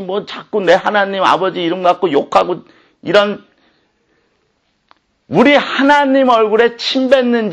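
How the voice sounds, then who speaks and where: A man's voice: sits high, highs cut off. A man preaching a sermon as pastor, speaking in an indignant, impassioned way.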